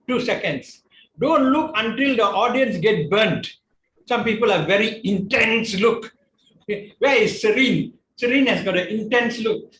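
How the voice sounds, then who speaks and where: Guy, really high voice, jokey speaking coach, echoey room, mic far off, bit of noise. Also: fairly bright tone. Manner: joking, keeps checking in with "okay?". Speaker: public speaking trainer. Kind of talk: club talk on public speaking.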